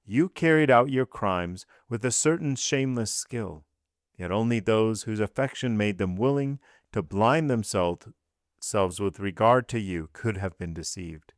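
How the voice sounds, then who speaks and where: A man's voice: on the low side, expressive, a little slow, no room sound, clean studio sound. A man doing a cold, commanding magistrate. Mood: accusing. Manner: blunt, commanding. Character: cold, stern magistrate husband.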